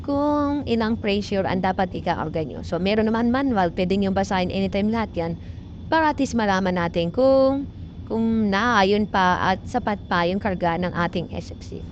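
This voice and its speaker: A Filipino-accented woman presents a casual technical tutorial as a vlogger, speaking at a medium pitch. Her explanation is halting and repetitive, sprinkled with English technical terms, and the recording is muffled and lo-fi with noise behind her.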